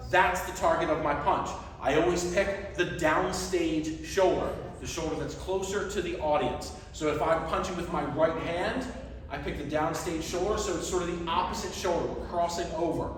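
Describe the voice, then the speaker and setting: A man teaching a hands-on workshop to a group, explaining step by step and checking that they follow. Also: fairly high pitch. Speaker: stage combat instructor. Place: large echoey indoor hall. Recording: very echoey hall, distant microphone.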